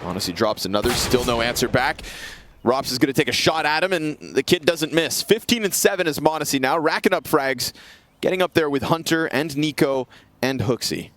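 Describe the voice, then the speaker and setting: A man's voice: on the high side, brisk, a bit bright, slight background noise. A man calling an esports match play by play, with dramatic, punchy caster delivery.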